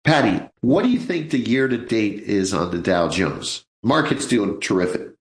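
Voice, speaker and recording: A man's voice: on the low side, sing-song, normal speed, reverberant, rough recording. A man in his sixties hosting a live financial radio show, chatting in a folksy way and calling his listeners folks. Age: 60s.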